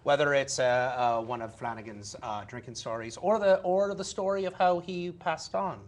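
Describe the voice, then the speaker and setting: Chatting with playful expressiveness in an improvised interview, a male stage actor uses a put-on Irish accent. He has a fairly high, steady voice at normal speed, and the live stream carries clear background noise.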